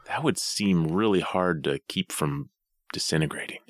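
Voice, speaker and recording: A man co-hosting a podcast in a casual chat, rambling through long, drawn-out stories. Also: low voice, no echo, clean studio sound. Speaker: podcast co-host. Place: home basement studio.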